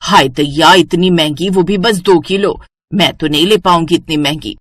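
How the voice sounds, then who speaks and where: A woman voicing a sharp-tongued, nagging older mother-in-law in a cartoon story, scolding and exasperated. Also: lowish voice, moderate pace, dry recording, pitched below the performer's own voice, lightly acted. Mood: surprised.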